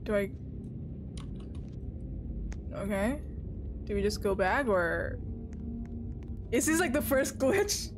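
A woman giving casual, reactive gameplay commentary as a streamer, excitable and slangy, often exclaiming. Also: medium pitch, slow pace, pauses often, over music. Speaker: game streamer.

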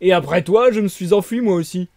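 Homme jouant un gros thon jovial. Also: male voice, high-pitched, brisk, darkish tone, dry recording, studio quality, voice pushed up. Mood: fort, généreux. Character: gros thon robuste et bienveillant.

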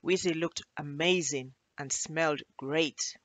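A woman reading a children's storybook aloud in a gentle, expressive way. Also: low voice, slow pace, no room sound.

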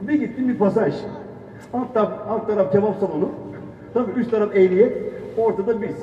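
Male stand-up storyteller, high and dark-toned, animated, recorded distantly in a reverberant hall. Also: brisk. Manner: animated, acts out quoted voices. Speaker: stand-up storyteller, radio presenter. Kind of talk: comic storytelling on stage. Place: event hall. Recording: echoey hall, far from the mic, dull sound.

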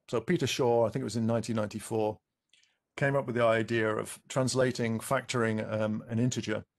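A man on a video call explains as a panel expert, pausing often with ums and restarts. His voice is gravelly with a lot of fry, at an ordinary male pitch.

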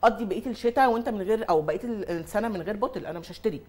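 A woman with an Egyptian Arabic accent tells comic stories as a talk-show guest. She mimics other mothers and breaks into laughter often. She talks at a rapid clip in a mid-range voice. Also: mid-range voice, darkish tone, breathy edge. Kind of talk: comic casual chat.

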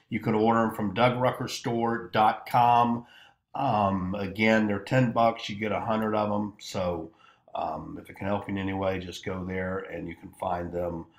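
A middle-aged man in a small office chats loosely to a desk webcam about a product for his students. His voice sits low with a gravelly fry, and he rambles folksily, filling gaps with ums. The sound bounces around the room. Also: reverberant. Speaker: pressure washing instructor. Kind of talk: casual product talk to camera.

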